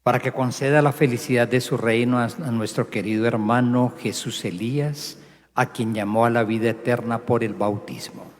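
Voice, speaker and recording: A man as a priest leading the prayers of a funeral mass, slowly intoning the liturgy, his voice echoing through a large church. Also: mid-range voice, steady tone. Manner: slow, solemn intoning. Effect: cathedral echo. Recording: long church reverb, faint hiss.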